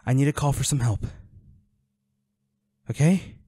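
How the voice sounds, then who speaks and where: This intimate audio roleplay is lightly acted, with a little hiss or hum behind a warm, mid-range male voice that stays unhurried. He plays a worried, protective boyfriend caring for his hurt werewolf partner, his words pleading, soothing and urgent.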